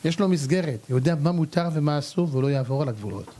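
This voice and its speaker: Rabbi, male, lively storytelling sermon; high voice with big pitch swings, acts out characters. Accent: Israeli Hebrew. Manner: animated, acts out characters and cries out.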